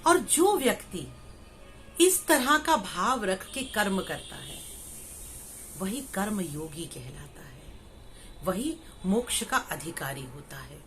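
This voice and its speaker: A woman's voice: mid-range voice, big pitch swings, slow, fairly bright tone, a little hiss or hum. A middle-aged woman, a spiritual teacher, explains scripture with homely examples and rhetorical questions. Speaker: Gita teacher and spiritual life coach. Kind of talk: slow spiritual discourse on scripture.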